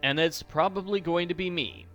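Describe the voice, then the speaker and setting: A man's voice: on the high side, expressive, moderate pace, a bit bright, dull audio, faint music behind. A man hosting a game walkthrough with casual, playful, jokey commentary.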